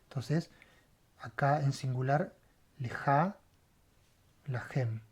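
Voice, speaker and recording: The voice here is medium-pitched, slow, a little mellow and breathy at the edge. It belongs to a Hebrew teacher conducting a word-by-word Bible language lesson, who spells letters, repeats sounds and checks in with "right?" after every step.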